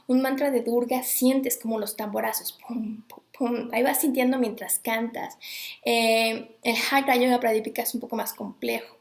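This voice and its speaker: A woman's voice: a little high, flat delivery, normal speed, gravelly, reverberant. A woman talking casually to viewers, chatty and digressive, stopping to greet people as she goes. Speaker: host. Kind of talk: casual live talk on Sanskrit recitation.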